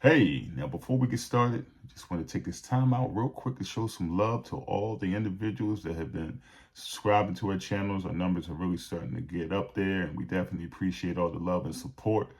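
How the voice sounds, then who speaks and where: A male host with a low-pitched voice talks casually to his viewers about sports, working through his points in a deliberate, halting way.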